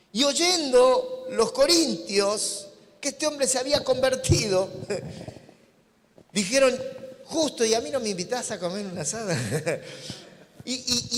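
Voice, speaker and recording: Male Argentine pastor with a high voice, preaching casually and joking with the congregation, echoing hall. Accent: Argentine Spanish. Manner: conversational preaching, acting out imagined dialogue with humor. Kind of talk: sermon. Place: church sanctuary.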